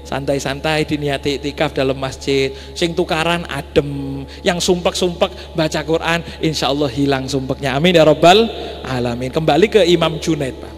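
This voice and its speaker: A man with an East Javanese accent preaching a storytelling sermon in a large mosque, lively and joking, often addressing the audience directly. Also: a little high, moderate pace. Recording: echoey mosque hall, faint hum.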